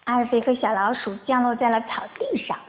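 A woman reading a bedtime story to children in an animated, sing-song way, on a tinny phone-like recording. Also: fairly high pitch, brisk.

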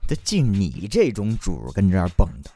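A man from Beijing with a Beijing accent, hosting and narrating a comedy sketch in a wry, deadpan manner. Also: on the low side, brisk. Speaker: host.

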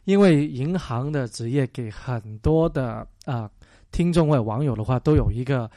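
A man hosting a finance talk show, asking questions in a slow, relaxed way with frequent fillers. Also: mid-range voice, no room sound, studio quality. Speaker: radio show host. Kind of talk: casual talk-show interviewing.

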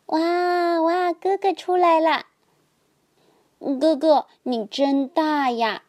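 A woman voicing a crowd of excited little frog brothers in a children's story, shouting in high, eager voices. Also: slow pace.

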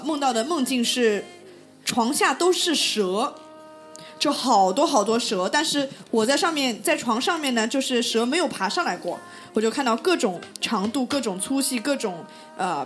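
A woman from Wenzhou hosts a casual podcast conversation. Her voice sits a little high, and she muses aloud while drawing the others into the talk. Soft music plays faintly behind her. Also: expressive, a little slow. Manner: reflective storyteller who poses questions to the group. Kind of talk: casual chat.

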